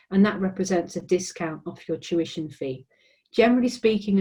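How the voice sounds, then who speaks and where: An Englishwoman from England, working as a university admissions representative, gives an informational presentation full of ums and restarts. Her voice sits lowish with a darkish tone, and the audio quality is poor.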